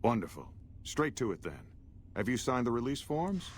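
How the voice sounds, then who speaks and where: A man plays a smug, condescending scientist, the director of operations, in a video game, using pompous, formal, rhetorical language and talking down to the listener. His medium-pitched voice swings widely in pitch at a moderate pace, lightly acted. Background ambience makes the game audio noisy.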